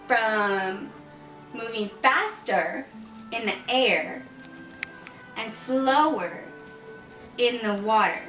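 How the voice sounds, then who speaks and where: A woman's voice: mid-range voice, sharp tone. A woman presenting a goofy homemade class video, rambling, joking and stumbling over words. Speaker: student presenter. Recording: echoey room, voice far from the mic, music behind.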